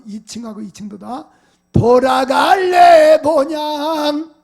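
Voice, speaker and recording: A middle-aged male pastor delivers a sermon in a high, heavily gravelly voice with a husky edge. He moves from hushed storytelling to shouted calls to his congregation. Faint hum behind him. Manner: swings from quiet storytelling to loud shouted exhortation.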